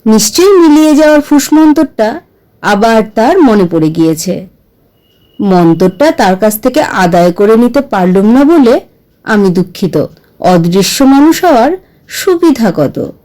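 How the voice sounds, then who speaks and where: A woman reading a Bengali ghost story aloud in a slow, deliberate storytelling manner. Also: a little high, sing-song, warm tone, rough recording.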